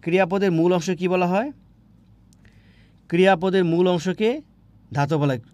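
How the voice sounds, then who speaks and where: A man teaching an exam-prep grammar lesson, asking questions and answering them himself, drawing words out slowly. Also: high-pitched, steady tone, a little mellow, no room sound, lo-fi sound.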